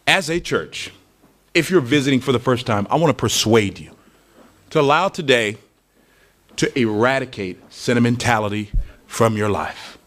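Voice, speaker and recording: A male pastor preaching a sermon, telling stories with animated acted-out voices. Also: mid-range voice, moderate pace, long pauses.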